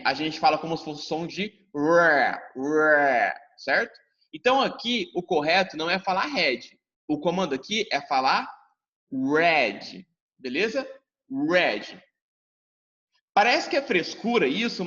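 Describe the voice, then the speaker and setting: Here a man with a Brazilian Portuguese accent leads a lively class, turning to his students directly and performing their questions for them. His voice leans high and has a sharp tone. Long reverb and a dull sound mark the recording.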